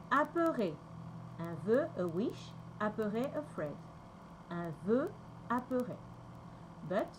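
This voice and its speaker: A woman with a French accent teaching pronunciation, repeating each word slowly and switching between French and English. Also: on the high side, slight background noise, rough recording. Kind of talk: slow, careful pronunciation lesson.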